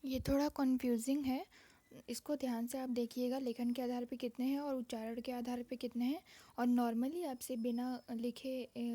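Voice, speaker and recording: A woman's voice: on the high side, dark tone. A woman teaching an exam-prep grammar lesson, explaining steadily and repeating key points in her English words.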